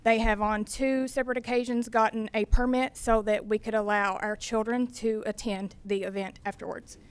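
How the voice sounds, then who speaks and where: A woman's voice: mid-range voice, clear, resonant tone. A woman losing her voice, giving earnest public comment at a city council meeting as a foundation board member.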